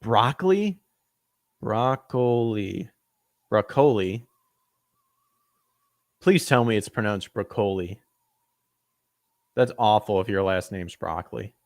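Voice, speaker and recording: A man's voice: on the low side, normal speed, pauses often, dry recording. A man hosting a podcast, reading news and mocking it with sarcastic asides, laughing at his own jokes and stumbling over words. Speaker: podcast host. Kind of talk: casual commentary reading news aloud.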